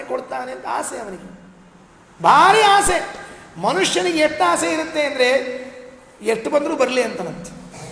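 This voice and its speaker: A man giving a scripture discourse, telling stories and chanting verses slowly. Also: very high-pitched, gravelly, a bit bright. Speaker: religious discourse speaker. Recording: echoey hall, faint noise.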